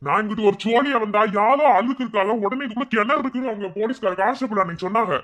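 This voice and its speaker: A man voicing a blunt, sarcastic village police inspector with a Madurai Tamil accent and a gruff, scolding way of talking. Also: high voice, very fast, heavy background noise, lightly acted. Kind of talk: cartoon voice acting.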